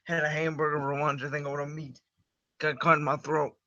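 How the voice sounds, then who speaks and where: A high-pitched man with a very bright, forceful voice talks through sports predictions in a relaxed, confident way, dropping "man" often. He sounds like a casual livestream host. The audio is muffled and lo-fi, like a cheap home computer mic. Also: a little fast. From Cleveland, United States. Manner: chatty, confident, says "man" a lot.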